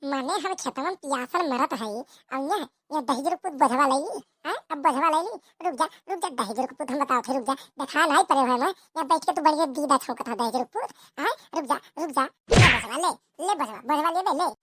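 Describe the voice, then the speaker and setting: A woman's voice: high voice, expressive, fairly quick, fairly bright tone, dry recording, clean studio sound. Woman voicing a nagging Awadhi village mother. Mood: angry. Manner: nagging, repeats rebukes. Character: scolding, short-tempered village mother. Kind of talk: cartoon comedy voice acting.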